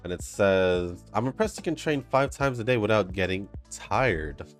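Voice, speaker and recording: At a moderate pace, a man with a lowish, animated voice chats over gameplay for his gaming channel, sounding stuffed up. Rambling and laughing between comments, he talks over soft game music playing faintly.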